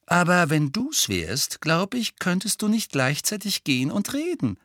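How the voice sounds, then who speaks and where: A man's voice: high-pitched, huge pitch swings, a little slow, a bit bright, dry recording, voice pushed up, heavily acted. A man doing a sarcastic teenage boy. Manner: dry mocking sarcasm.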